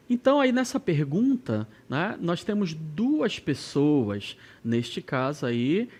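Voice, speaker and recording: Brazilian male English teacher, unhurried, animated intonation, clear classroom delivery. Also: a little high. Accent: Brazilian Portuguese. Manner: slow, carefully enunciated English examples. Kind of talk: recorded classroom lesson.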